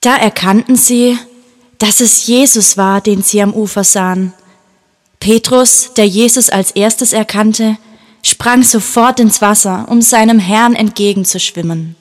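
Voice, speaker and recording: A woman reads a Bible story aloud in a calm, gentle way. Her delivery is steady and unhurried, suited to telling a story to listeners. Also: medium pitch. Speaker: narrator. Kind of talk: scripted Bible story narration.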